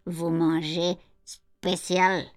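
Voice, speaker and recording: A woman's voice: fairly low pitch, little pitch movement. A woman voicing a sly witchy housekeeper who speaks broken French, in a storybook reading. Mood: menacing glee. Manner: broken French, drawn-out creepy laugh.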